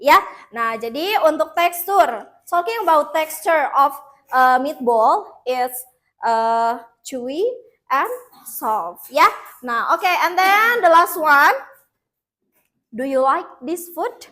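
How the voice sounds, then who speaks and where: A woman teaching an English lesson in a classroom, mixing two languages and leading slow repeat-after-me drills. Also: sits high, animated, a bit bright.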